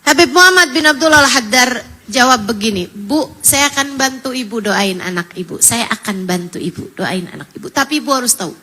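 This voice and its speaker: A woman's voice: fairly high pitch, animated, a little fast, pushed and bright. A middle-aged woman preaching a sermon to women, telling stories with emotive, tearful pleas.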